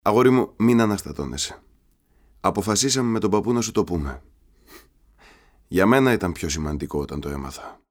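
A reader voicing a calm, reassuring father with a wry streak in an audiobook. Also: low voice, pauses often, pitched below the performer's own voice. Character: calm, dry-humoured father. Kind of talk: audiobook character voice.

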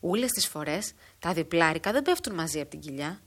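A woman reading the part of a bold, quick-witted old village woman who speaks firmly and urgently in a storybook reading. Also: low-pitched, expressive. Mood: urgent, persuasive. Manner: firm, persuasive, urgent.

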